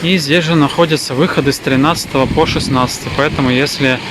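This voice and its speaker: A man vlogs on location in a casual walk-through style. His voice sits a bit higher than average. Loud ambient noise surrounds him throughout the recording. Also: fairly even intonation, fast. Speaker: vlogger giving an airport tour. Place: on location in and around an airport.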